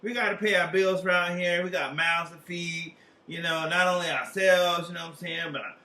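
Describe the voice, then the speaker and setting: A man's voice: high voice, fairly even intonation, normal speed, sharp tone. A man hosting a comic advice hotline, talking in a rambling, slangy, profane and casual way. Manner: profane, slangy, rambling, repeats tag questions. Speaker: comedic tarot advice hotline host. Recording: roomy echo, distant from mic.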